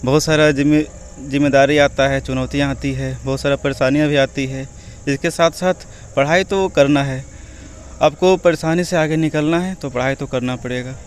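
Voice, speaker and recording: A man's voice: on the high side, steady tone, moderate pace, slight background noise. A man from Bihar, a railway employee, answering interview questions hesitantly while searching for words. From Bihar, India.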